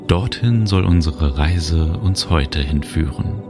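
A man narrating a guided relaxation journey, speaking slowly and soothingly. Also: very deep voice. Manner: slow, calm, soothing. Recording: music bed under voice. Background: music and cricket sounds.

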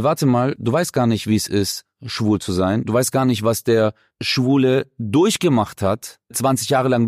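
A man from Germany, a comedian guest in a casual interview chat, telling stories in an animated, slangy way with big swings in pitch. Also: no room sound, clean studio sound.

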